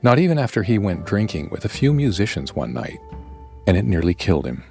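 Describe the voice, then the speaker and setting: A man narrating a podcast story in a measured, scripted storyteller's delivery. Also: sits low, sing-song, gravelly, warm tone, slightly rough, soft background music.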